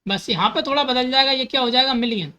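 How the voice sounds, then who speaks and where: Woman math teacher, bright and fairly high voice, patient step-by-step explainer who mixes in terms. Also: quick pace, poor audio. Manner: repeats steps and asks herself questions, corrects slips.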